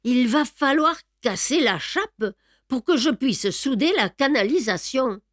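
A woman's voice: high voice, animated, measured pace, a bit bright, no room sound, studio quality, pitched above the performer's own voice, heavily acted. A woman voicing an unflappable middle-aged male plumber who gives matter-of-fact, upbeat instructions in an audiobook. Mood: businesslike.

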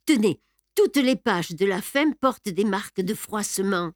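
A woman voicing a calm, methodical male scholar in an audiobook, speaking in a measured, explanatory way. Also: medium pitch, no echo, studio quality, natural voice. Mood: examining. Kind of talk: audiobook character reading.

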